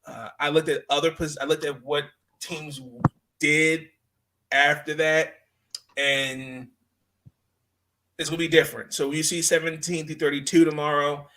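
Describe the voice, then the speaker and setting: A man hosting a sports podcast in casual, unscripted talk, halting and repeating phrases as he goes. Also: fairly high pitch, level tone, pushed and bright.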